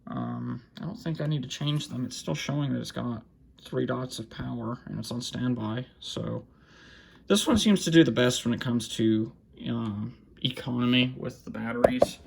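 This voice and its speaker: A man with a creaky, mid-range voice mutters his way through an informal show-and-tell of weather radios he collects, speaking haltingly and half to himself as he handles them. The recording is low quality, made indoors in a small cluttered home room, with faint background noise plus clicks and handling sounds.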